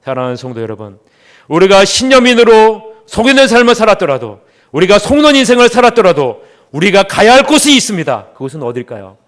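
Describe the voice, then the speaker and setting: A man's voice: high-pitched, very animated, fast talker, a bit bright. A young male pastor delivering an impassioned Sunday sermon, repeating refrains and calling the congregation to respond.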